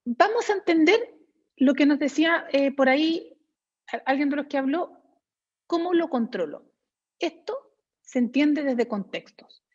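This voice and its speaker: A woman with a Chilean Spanish accent giving a lecture to teachers, lively, acting out little parent-child exchanges and often checking in with her audience. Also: sits high, lo-fi sound. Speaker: workshop speaker for teachers.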